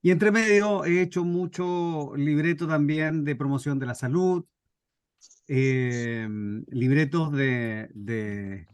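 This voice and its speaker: A middle-aged Chilean man, a radio drama scriptwriter and workshop speaker, introduces himself to a group and tells anecdotes informally, with somewhat hesitant phrasing. His voice is fairly high, slow and smooth, with no room sound.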